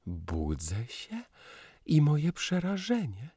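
A man voicing a cheerful, playful young wife who chatters brightly. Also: sits low, slow, husky, no room sound, clean studio sound, pitched above the performer's own voice, heavily acted. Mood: chattering. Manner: chirpy, lively storytelling.

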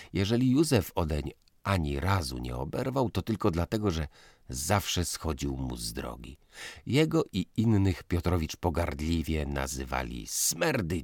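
A man narrating a literary audiobook in a measured, expressive reading. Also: very deep voice, no echo, clean studio sound.

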